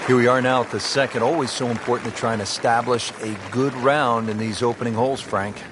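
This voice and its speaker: A man calls golf play-by-play as the lead commentator of the broadcast. His pitch is average for a male voice. Crowd and outdoor noise are clearly audible behind his commentary. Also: fairly even intonation, a little fast. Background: crowd and outdoor ambience.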